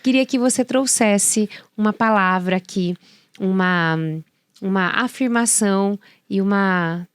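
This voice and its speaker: A woman's voice: medium pitch, measured pace, clean tone, no echo. A woman hosting a podcast interview, affirming her guest and encouraging listeners. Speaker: podcast host.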